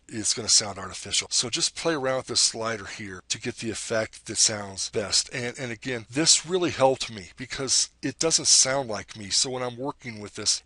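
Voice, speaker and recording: In a screen-recorded software tutorial, a deep-voiced man walks through each step in plain terms, occasionally correcting himself. The recording has no echo.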